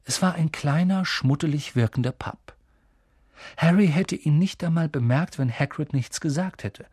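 Male narrator, animated storybook reading, husky edge, close and dry. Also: on the high side, normal speed, dry recording. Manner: animated, breathy. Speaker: audiobook reader. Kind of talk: lively audiobook narration.

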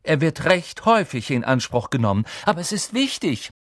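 A man's voice: on the high side, very animated, fairly quick, fairly bright tone, no echo, studio quality, voice pushed up. A man voicing a stern, strict older woman professor who speaks in a clipped, commanding, cool manner. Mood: brusque.

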